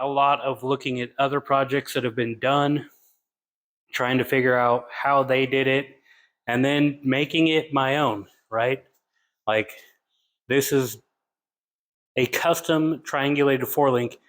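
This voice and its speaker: A man chats casually to camera from his garage workshop, slightly winded after a day of hard work. He rambles in a loose, friendly way and makes jokes at his own expense, with a mid-range voice. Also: mid-range voice. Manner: relaxed, self-deprecating, rambling with fillers. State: out of breath. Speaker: channel host, hobby fabricator. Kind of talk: casual workshop vlog talk.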